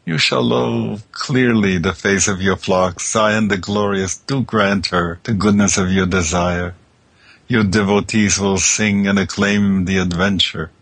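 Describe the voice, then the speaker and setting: A man's voice: fairly low pitch, steady tone, unhurried, gravelly, a bit bright, no echo, heavily acted. A man voicing a divine male lover who tenderly calls his estranged bride back, commanding and reassuring. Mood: tender summons.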